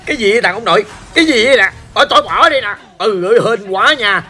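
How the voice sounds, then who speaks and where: A man with a Southern Vietnamese accent gives chatty, joking gameplay commentary as a gaming channel host, talking straight to his viewers while hoarse. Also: sits high, expressive, fast, bright, forceful tone. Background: faint background music.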